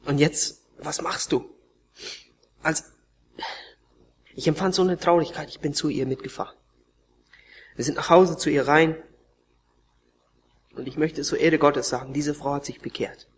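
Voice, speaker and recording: A man preaching a sermon and telling his own story, emotional, swinging between raised pleading and hushed, almost whispered passages. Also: on the high side, steady tone, unhurried, long pauses, slight background noise. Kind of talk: sermon testimony.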